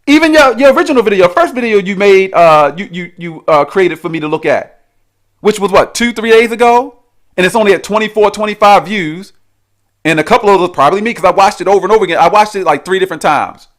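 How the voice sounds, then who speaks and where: High-voiced man ranting combatively. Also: fast. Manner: argumentative, repetitive, challenging. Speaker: commentary channel host. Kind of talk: reaction rant.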